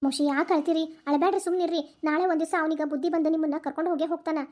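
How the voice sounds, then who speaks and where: A woman's voice: high-pitched, steady tone, rapid-fire, a little mellow, natural voice. A woman voicing a kind middle-aged woman who consoles her friend, in a Dharwad Kannada accent. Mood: consoling. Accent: North Karnataka Dharwad Kannada. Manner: soothing, coaxing. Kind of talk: cartoon voice acting.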